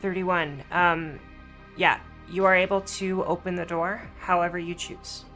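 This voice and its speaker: A woman's voice: on the low side, steady tone, a little slow, a bit bright, faint music behind. A woman running a tabletop game as game master, describing scenes in an easygoing way with fillers.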